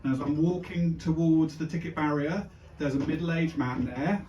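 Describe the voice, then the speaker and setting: A man's voice: on the high side, moderate pace, highs cut off. A man, doing a stand-up comedy set and chatting with and teasing the crowd. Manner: chatty, teasing the crowd, shouted voices for the punchlines. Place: comedy club stage before a live audience. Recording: echoey club recorded from a distance.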